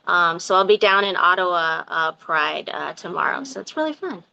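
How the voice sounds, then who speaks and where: A woman with a very clear, bright voice that has the sweetness of a cartoon princess. She talks in a chatty, expressive way, as a guest in a relaxed interview. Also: lowish voice, lo-fi sound. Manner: chatty, expressive, quick to laugh. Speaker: podcast guest, mermaid performer. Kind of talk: casual interview chat.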